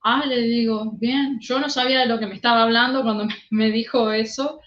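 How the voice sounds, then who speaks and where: A woman's voice: fairly high pitch, steady tone, brisk, fairly bright tone. A woman, a psychic medium telling a personal story and retelling conversations line by line. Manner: retells dialogue with frequent "le digo", "me dice". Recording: roomy, slightly dull recording.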